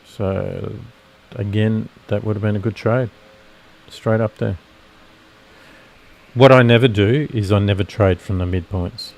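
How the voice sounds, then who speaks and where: Lowish, nasal male streamer; loose, rambling live-trading commentary full of restarts. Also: steady tone, a little slow, gravelly, a little mellow. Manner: rambling, self-correcting explanation with fillers. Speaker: futures trader streaming live.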